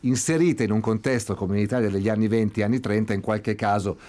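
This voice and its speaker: Quick, low-voiced male radio host. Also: mellow. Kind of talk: casual radio chat. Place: indoor radio studio. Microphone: studio mic, headphones.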